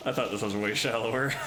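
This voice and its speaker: A man's voice: fairly low pitch, gravelly, background noise. A man chatting casually while hosting a game livestream, bantering in an exasperated way. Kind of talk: casual gameplay chat.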